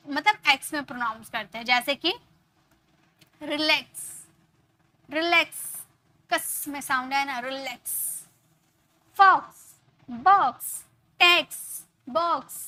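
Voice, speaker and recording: Bright, high-voiced woman teaching English. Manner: explains step by step, repeats example words, checks in with "ok". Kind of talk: online grammar lesson.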